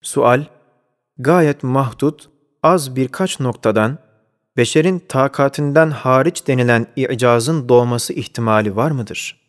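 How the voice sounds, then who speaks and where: A man with a mid-range voice reads a scholarly religious commentary aloud in a measured, deliberate way, reciting Arabic phrases found in the text. The recording carries a long hall reverb.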